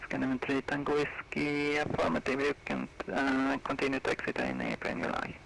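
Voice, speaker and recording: A man's voice: medium pitch, very animated, brisk, vocal fry. A man working as an air traffic controller, speaking clipped radio phraseology heard over a radio channel. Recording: noisy radio transmission.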